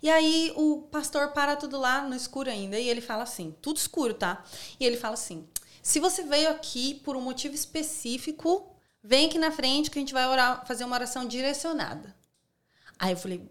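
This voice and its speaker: A woman's voice: high-pitched, a little fast, a bit bright. A young adult woman with a Brazilian accent, a podcast guest telling a personal story in a casual, slangy way and acting out the lines she quotes. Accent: Brazilian Portuguese.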